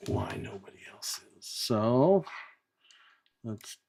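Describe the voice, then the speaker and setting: A man's voice: on the low side, huge pitch swings, takes it slowly, creaky, a little mellow, slight background noise. A man hosting a live online session, thinking aloud in casual chat as he clicks through settings. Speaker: host running a live software test.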